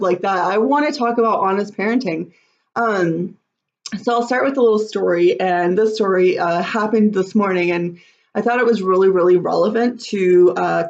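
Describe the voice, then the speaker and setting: A woman's voice: medium pitch, highs cut off. A woman in her thirties, a parenting coach, talking casually about her own day with lots of "like" and "um". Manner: chatty, many fillers like "like" and "um". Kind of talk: casual personal talk to camera.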